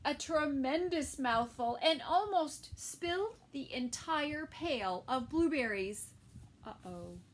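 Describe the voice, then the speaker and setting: A woman preschool teacher reads a picture book aloud to young children, slipping in gentle asides and soft whispered comments. Her high voice has lively intonation and a slow pace.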